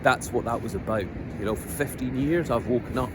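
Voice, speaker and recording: A middle-aged man with a Scottish accent reflects on his life out loud, halting and earnest, filling his pauses with ums. He records outdoors near the sea, with clear noise from vehicles and the street around him. His voice sits at an ordinary male pitch. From Scotland. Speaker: vlogger. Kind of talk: reflective personal monologue. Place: outdoors on a coast. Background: outdoor noise, passing vehicles.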